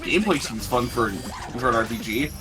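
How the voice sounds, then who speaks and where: A man's voice: medium pitch, animated, a little fast. A man chatting casually over gameplay as a co-commentator, with a geeky, playfully enthusiastic manner. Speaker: co-commentator on a game stream. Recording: game music behind the voice. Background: game music.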